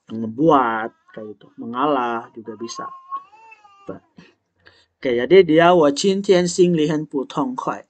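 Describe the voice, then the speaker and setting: Slow, patient man teaching a language. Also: medium pitch, a bit bright. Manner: reads each line, then translates and explains it patiently. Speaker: Mandarin teacher. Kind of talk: language lesson, explaining dialogue lines.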